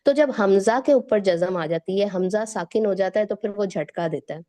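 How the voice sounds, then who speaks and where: Mellow-voiced woman teaching recitation. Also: medium pitch. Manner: patient, slows and stretches words to demonstrate; explains step by step and checks in with listeners. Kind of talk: tajweed lesson, explaining and demonstrating.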